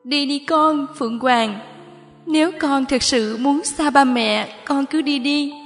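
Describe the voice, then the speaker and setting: A heartbroken mother pleads with her grown daughter, her voice choked and shaking, as a woman narrator puts her on. The tone sits slightly high. A long reverb and faint music sit under the storybook reading. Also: a little slow, natural voice. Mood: tearful. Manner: choked, trembling. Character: tearful middle-aged mother begging forgiveness.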